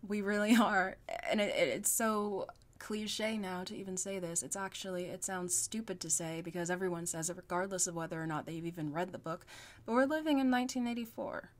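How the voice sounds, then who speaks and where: A young woman talking to her channel in an unscripted vlog, rambling and halting with fillers, often laughing at her own words. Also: fairly low pitch. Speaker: YouTuber.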